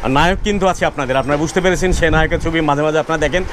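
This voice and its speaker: A man hosting a walking street vlog in an outdoor city market, chatting with shopkeepers and speaking straight to his viewers in a lively way. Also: on the high side, racing, slight background noise. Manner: lively, keeps addressing the audience directly. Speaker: street vlogger host.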